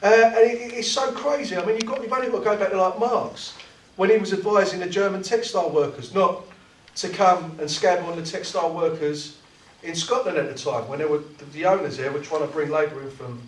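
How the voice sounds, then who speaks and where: A man delivers a fervent political speech, often stumbling and repeating words as he pushes his point. His voice sits a little high for a man. It is captured from a distance in a roomy meeting hall. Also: a little fast, a little hiss or hum. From South East London. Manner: impassioned, restarts and repeats words. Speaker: trade union activist speaker. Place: meeting room.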